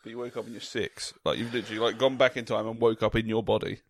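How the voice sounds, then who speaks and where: A man's voice: on the low side, fairly even intonation, quick pace. A young man, co-hosting a casual podcast, telling crude stories and laughing often. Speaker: podcast co-host. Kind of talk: casual chat.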